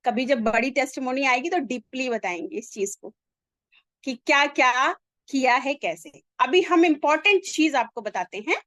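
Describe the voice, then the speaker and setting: A woman giving an animated motivational talk to her team, telling a joke as a story and asking the listeners rhetorical questions. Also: sits high, moderate pace, no echo, clean studio sound.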